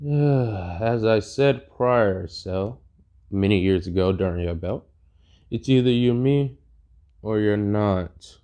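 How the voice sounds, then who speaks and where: A man voicing a smug, cruel male alien tyrant who draws out his threats slowly. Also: lowish voice, mellow, clear, resonant tone. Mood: condescending. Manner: slow, drawn-out threats.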